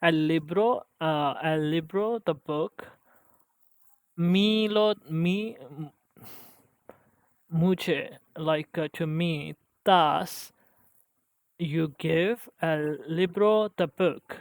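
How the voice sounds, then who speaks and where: A man practicing language conjugations aloud on his own, halting and restarting often as he works through a lesson. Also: on the high side, smooth, no echo. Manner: halting, with frequent restarts and hesitations. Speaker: language learner. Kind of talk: self-study language practice.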